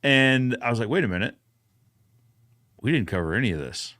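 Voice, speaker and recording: Hosting a casual live recap show, a man speaks briskly in a mid-range voice that is animated, bright, and forceful. His conversational manner is agreeable, and he frequently checks in with "right?"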